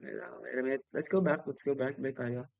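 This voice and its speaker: A man's voice: mid-range voice, fairly even intonation, fast talker, gravelly, darkish tone, no echo, dull audio. A young man with a Filipino accent, casually answering viewer comments on a livestream, apologetic and chatty as he switches between English and Tagalog. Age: young adult.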